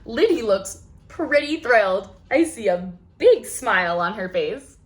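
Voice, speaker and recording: Slightly slow and expressive, this woman's higher voice comes through with some background noise. She hosts storytime at a children's library, reading a picture book expressively and adding questions and wondering exclamations for the kids.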